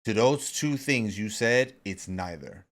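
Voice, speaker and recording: Co-hosting a casual podcast chat, a man in his thirties talks in an emphatic, profane, motivational style. His voice is on the low side, expressive and a little slow.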